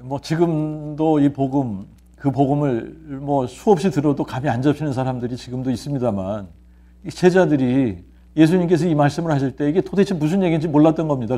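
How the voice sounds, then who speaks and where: A man's voice: fairly high pitch, warm tone. A man, a pastor, preaching a sermon. He asks rhetorical questions, answers them himself, and repeats key phrases. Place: church sanctuary.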